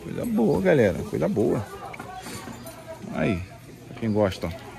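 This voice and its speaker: Filming himself on a handheld phone while bargain hunting at a busy outdoor street flea market, a man vlogs casually, chatting to viewers in slangy language. His medium-pitched voice swings hugely in pitch with vocal fry at a measured pace, and the market crowd's chatter and noise fill the background.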